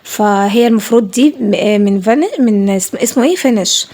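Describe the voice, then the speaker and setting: A home vlogger with an Egyptian Arabic accent, she talks over her cleaning clips in a fast, emphatic, casual style, repeating herself often. Her voice is mid-range and mellow.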